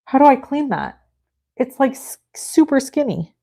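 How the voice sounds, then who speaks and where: A woman's voice: high-pitched, big pitch swings, a little slow, vocal fry, warm tone. A woman in her forties hosting a live crafting stream, chatting casually with viewers and thinking aloud as she works. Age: 40s. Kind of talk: casual chat while crafting.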